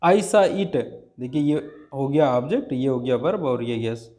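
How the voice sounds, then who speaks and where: A man's voice: mid-range voice, moderate pace, mellow. A male teacher giving a grammar lesson, explaining step by step and often checking with his students.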